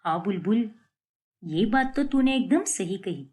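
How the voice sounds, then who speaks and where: A woman's voice: mid-range voice, expressive, a little slow, a little mellow, slightly rough, voice pushed down. A woman voicing an eager young daughter-in-law who plays the loyal sister in a cartoon story. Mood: plotting.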